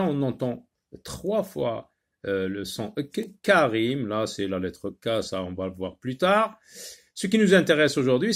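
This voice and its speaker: A man with a mid-range voice teaches phonics to young learners, patient and repetitive, sounding out words syllable by syllable with frequent filler sounds.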